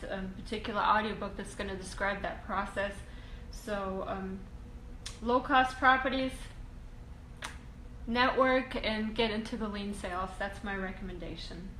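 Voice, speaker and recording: A woman from Russia, a real estate investing educator, answering viewer questions in a casual Q&A video, halting with frequent ums and restarts. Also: medium pitch, fairly bright tone. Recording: echoey room, faint ambient hiss.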